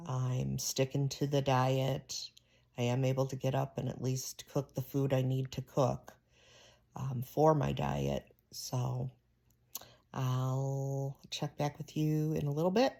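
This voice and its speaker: Low-voiced woman chatting casually. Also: little pitch movement, slow, creaky, warm tone. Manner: rambling and candid, with many fillers. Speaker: vlogger. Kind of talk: casual home vlog chat.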